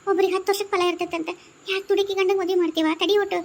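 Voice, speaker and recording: A woman's voice: very high-pitched, flat delivery, racing. A woman with a North Karnataka accent voicing a firm, consoling elder woman in a cartoon who gives soothing counsel. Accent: North Karnataka Kannada.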